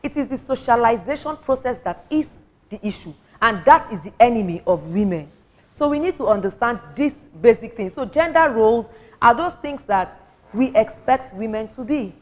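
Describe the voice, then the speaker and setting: A woman's voice: on the high side, lively intonation, normal speed, darkish tone. A woman from Nigeria with a Nigerian accent, a women's advocate explaining her views earnestly on a talk show panel and repeating points for emphasis. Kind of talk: studio talk show discussion.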